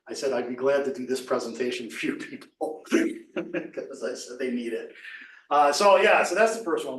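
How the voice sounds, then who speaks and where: A man's voice: medium pitch, distant mic, slight background noise. Chatty man in an echoey room. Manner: chatty, loose, many fillers and restarts. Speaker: presentation skills trainer. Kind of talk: casual live workshop talk.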